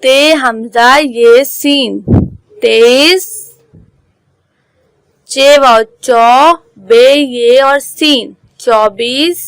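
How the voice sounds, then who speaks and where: A woman school teacher giving an online class, spelling out words slowly letter by letter. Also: high-pitched, clean tone, no echo, rough recording. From Pakistan. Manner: slow, careful letter-by-letter dictation.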